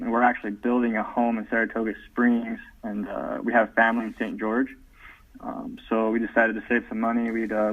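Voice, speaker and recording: A man in his thirties, a guest in a casual interview, talking easygoingly with lots of "um" fillers over low-quality remote call audio. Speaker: podcast guest. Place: at home, away from the host. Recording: tinny phone-like remote line.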